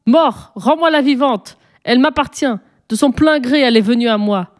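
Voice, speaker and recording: A woman voicing a male vampire who slowly and insistently calls through a window, in a storybook reading. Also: sits high, voice pushed up, natural voice. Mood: menacing.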